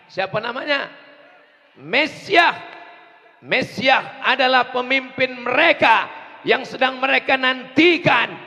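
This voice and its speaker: A man preaching a fiery rally sermon, slow and emphatic, with call and response, rising to shouts. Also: high voice, gravelly. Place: large outdoor rally. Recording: distant echo over crowd loudspeakers.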